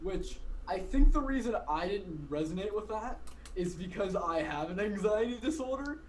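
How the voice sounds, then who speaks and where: A young man around 20, a podcast guest on a video call from his bedroom, chats casually, rambling with lots of fillers and frequently cutting himself off mid-sentence. His voice is high, animated and a little mellow, at normal speed. There is slight background noise, and the recording is low quality.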